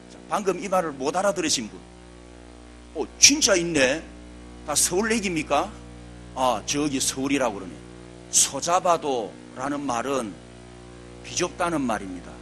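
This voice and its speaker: A man's voice: fairly high pitch, pushed and bright. A male pastor preaching at a revival meeting, telling humorous stories and having the congregation repeat phrases. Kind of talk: revival sermon.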